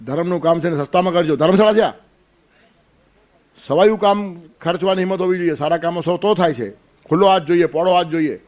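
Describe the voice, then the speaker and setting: Man, spiritual teacher, forceful scolding discourse, rhetorical questions, fairly high voice. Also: quick pace, highs cut off. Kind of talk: Gita discourse.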